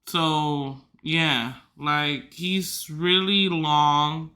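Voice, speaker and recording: Speaking extremely slowly in a low, sharp voice with fairly even intonation, a young podcast host chats casually. She wanders from point to point, leaning on fillers and breaking into small laughs.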